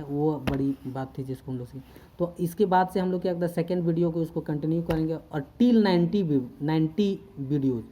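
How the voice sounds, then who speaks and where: Man, English tutor, warm mellow tone, repeats words for drills, phone-recorded lesson. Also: fairly high pitch, a little hiss or hum, rough recording. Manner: earnest, repetitive, drills words aloud for pupils to repeat. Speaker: English teacher. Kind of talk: spoken English lesson over a screen recording. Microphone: screen-recorder phone mic.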